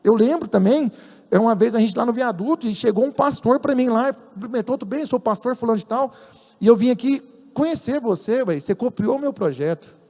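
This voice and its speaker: Brazilian guy preaching, high mellow voice, acts out the people in his stories. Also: animated, a little fast, in a large hall. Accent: Brazilian Portuguese. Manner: storytelling preacher, acts out dialogue, emphatic. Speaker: church elder preaching. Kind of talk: sermon.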